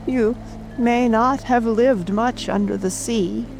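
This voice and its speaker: A woman playing a melancholy, sentimental sea turtle creature in a dramatic audiobook, with a slow, mournful delivery. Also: fairly high pitch, fairly even intonation, vocal fry. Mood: wistful. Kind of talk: full-cast dramatic audiobook reading. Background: soft rain ambience and music.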